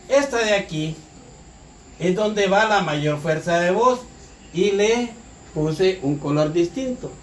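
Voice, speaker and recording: Male teacher, high-pitched, slow, repeats and answers own questions, distant echoey recording. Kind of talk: recorded Spanish grammar lesson. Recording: roomy, distant mic, faint noise.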